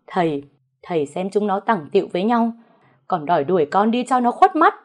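A woman's voice: medium pitch, big pitch swings, brisk. A woman voicing a wronged, jealous young wife who screams curses and accuses through tears. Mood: shrieking.

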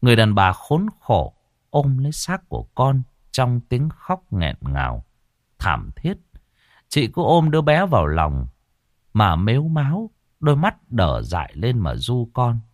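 A man narrating a horror audiobook in a dramatic, expressive storytelling manner. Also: medium pitch, a little slow, no room sound, clean studio sound. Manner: expressive, rising and falling storytelling.

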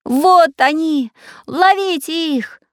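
A woman voicing an eager, excitable young boy in a storybook. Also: fairly high pitch, fairly quick, dry recording, clean studio sound, pitched above the performer's own voice, close to an everyday voice. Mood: excited. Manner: eager, shouting.

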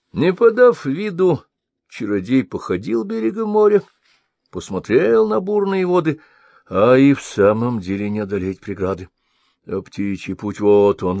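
Low, animated male storyteller. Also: no echo. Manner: measured storytelling cadence, expressive. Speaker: narrator. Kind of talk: audiobook narration of a folk-style tale.

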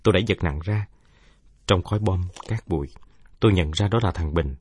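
A man reads a first-person war story in a somber, measured way. His voice sits low and husky, and the recording is dry and close with no room around it. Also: dry recording. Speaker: narrator.

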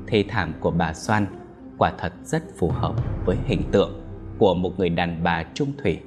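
A man with a fairly low voice narrating a dramatic audio story. His delivery is lively and expressive, rising and falling a great deal. Soft music runs faintly underneath.

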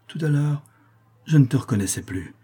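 A male reader voicing a shattered, vacant old father who speaks in a slow, halting way. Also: medium pitch, lively intonation, warm tone, slightly rough, pitched above the performer's own voice. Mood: dazed sorrow.

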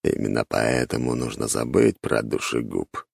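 A man doing a low, sarcastic inner voice. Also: normal speed, gravelly, darkish tone, slightly rough, no echo, studio quality, full character voice. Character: sardonic male inner voice, a lurking presence.

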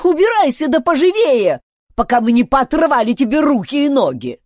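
A squeaky, creaking old chief who shrieks threats in a high, loud voice, put on by a woman reading the story. The delivery lurches wildly in pitch, and the recording is dry and close. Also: sing-song, moderate pace, dry recording. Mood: furious. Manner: shouting threats.

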